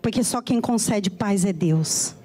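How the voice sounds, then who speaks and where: A woman's voice: medium pitch, unhurried, warm tone, faint music behind. A woman preacher giving a sermon in church, retelling a story in a conversational way with frequent tag questions.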